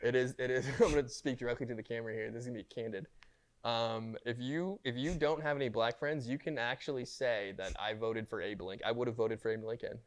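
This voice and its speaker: A young man co-hosting a podcast, rambling through deadpan jokes in casual chat and swearing often. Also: mid-range voice, a little fast, clean tone. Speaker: podcast co-host.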